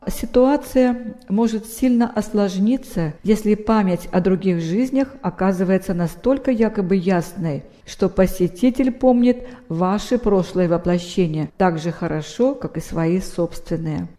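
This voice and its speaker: A woman narrating a nonfiction book in a measured, even reading. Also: medium pitch. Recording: long hall reverb.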